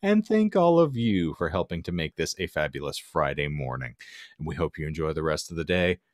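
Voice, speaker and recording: A podcast host with a bass voice jokes his way through a casual comedy show using mock-grandiose, wordy phrasing. He speaks fairly quickly with big pitch swings, and the clean studio sound has no echo.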